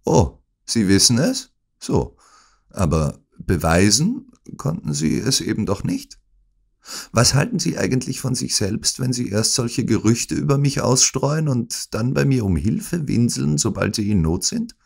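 Sneering villain who taunts loudly, voiced by a man; pushed high above his own register. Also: huge pitch swings, slow, gravelly, husky, full character voice. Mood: gloating. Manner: loud, taunting, mocking. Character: sneering, mocking male villain gloating at a rival. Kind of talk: audiobook acting.

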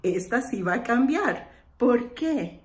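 Lady teaching english grammar, slow n patient, echoey room. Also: on the high side, animated. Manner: slow, patient, repeats example phrases deliberately. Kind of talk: online lesson explaining grammar.

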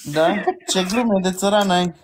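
A man's voice: high voice, slight background noise. A man on a live stream, playfully boasting and trading jabs with the host. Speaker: livestream co-host. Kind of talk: casual livestream banter.

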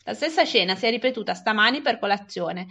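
A woman reading a children's novel aloud with expressive storytelling. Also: on the high side, fast talker, husky, highs cut off. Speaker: reader.

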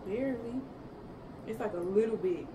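High-voiced young woman, distant and roomy. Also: normal speed. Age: young adult. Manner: blunt, sweary, slangy. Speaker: vlogger doing a noodle eating challenge. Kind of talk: casual chat. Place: living room sofa, indoors. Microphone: camera a few meters away. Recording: roomy, distant, noisy camera audio.

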